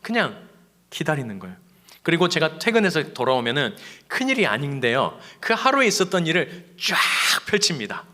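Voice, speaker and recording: A middle-aged man, a pastor, preaching a sermon in a church, moving between loud emphasis and soft whispers. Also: a little high, big pitch swings, a little fast. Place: church sanctuary.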